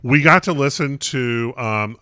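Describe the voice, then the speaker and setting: Man co-hosting a podcast, wry humor, smooth clear voice, dry close studio mic. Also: medium pitch, measured pace, pushed and bright, no echo. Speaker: podcast co-host. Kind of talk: casual chat.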